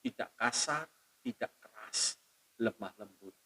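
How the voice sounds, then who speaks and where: A man preaching a sermon as pastor, emphatic, dropping to soft asides and swelling loud on key lines, calling out hallelujah to his congregation. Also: lowish voice, lively intonation, measured pace, poor audio. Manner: addresses the congregation as saudaraku and calls out hallelujah.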